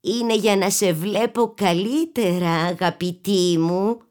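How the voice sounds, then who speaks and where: A woman voicing a cunning male wolf pretending to be a sweet grandmother, speaking slowly and drawing out his words. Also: medium pitch, darkish tone, lightly acted. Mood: falsely sweet. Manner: slow, drawn-out, falsely sweet. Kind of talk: storybook character voice.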